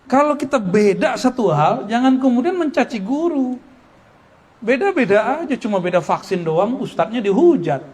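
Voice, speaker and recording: High-voiced joking Islamic preacher, man. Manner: lively, joking, laughs often. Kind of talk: religious study lecture. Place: Islamic boarding school gathering.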